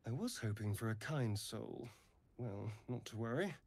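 An actor playing a sly, arrogant male elf rogue in a video game, with a husky, mocking drawl. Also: medium pitch, animated, moderate pace, darkish tone. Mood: urgent, wheedling. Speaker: game companion.

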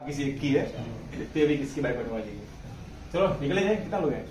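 A man's voice: medium pitch, expressive, fast, darkish tone, far from the mic, slight background noise. A man hosting a livestream giveaway from a living room, urging viewers to join in. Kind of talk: casual livestream chat. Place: indoor living room with friends. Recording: roomy echo, picked up from across the room.

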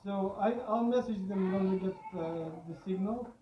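Speaking at a normal speed in a mid-range voice, an American woman films a casual vlog outside in a packed slum, full of fillers and restarts. Her camera picks up muffled, roomy sound with background noise and the crowd around her.

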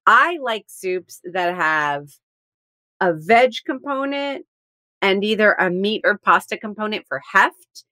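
A woman's voice: medium pitch, animated, slow, sharp tone, no echo, clean studio sound. A woman co-hosting a podcast in casual chat, enthusiastic and talkative, often laughing. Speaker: podcast co-host.

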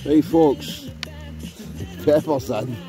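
A man from Scotland with a voice on the high side talks very slowly and cheerfully to viewers while vlogging his campfire cooking one night. The casual outdoor recording has music behind it and food sizzling.

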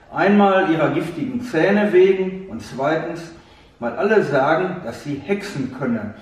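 A man gently telling a fairy tale to a child, speaking to the listener directly, heard from a distant mic in an echoey room. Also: a little high. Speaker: storyteller.

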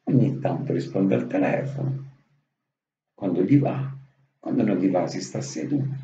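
A man's voice: low-pitched, lively intonation, normal speed, warm tone. A man talking casually and with affection to his absent brother. He repeats himself and swears casually. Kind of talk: casual heartfelt monologue to camera. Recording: dull lo-fi audio in an echoey room.

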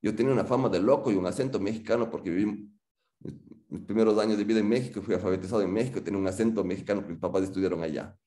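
A man's voice: lowish voice, racing, roomy sound. A man, telling a humorous personal story and acting out the people he quotes. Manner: humorous, animated, acts out quotes.

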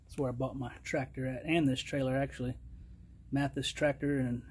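Flat-voiced man reviewing gear outdoors. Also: medium pitch, a little hiss or hum. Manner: plain, unhurried, folksy talk with fillers. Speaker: channel host reviewing a trailer tool box. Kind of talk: casual product review vlog. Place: outdoors in a yard beside a trailer.

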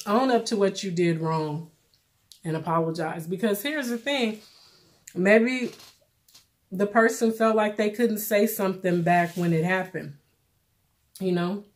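A middle-aged woman giving casual, plainspoken vlog commentary while eating, pausing for bites and repeating phrases for emphasis. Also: medium pitch. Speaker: vlogger. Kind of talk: casual mukbang commentary chat.

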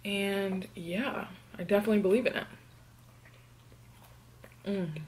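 A young woman from New York talks casually into a close camera mic. She answers get-to-know-me questions between bites of food and hums as she eats. Her pitch sits in a middle range. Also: steady tone, unhurried, a little hiss or hum. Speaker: mukbang vlogger. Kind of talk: casual eating vlog, answering tag questions.

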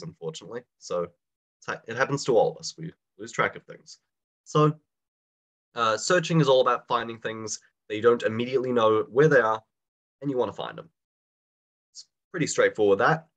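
A young man with a slight cold and a somewhat raspy voice teaches a live online class over video call. He's casual and chatty, asking his students questions, and his voice is mid-range.

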